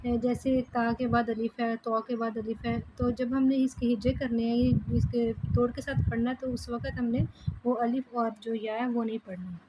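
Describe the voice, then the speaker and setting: A woman teaching a children's Quran reading lesson, slowly drawing out each syllable in drills between quick explanations. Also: a little high, level tone, noisy background. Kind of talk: step-by-step recitation lesson.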